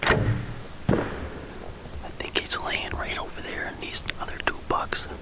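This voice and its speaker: A man whispering to the camera from a tree stand outdoors, shaking with excitement as he narrates his hunt. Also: a little slow. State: shaking with adrenaline. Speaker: hunting vlogger.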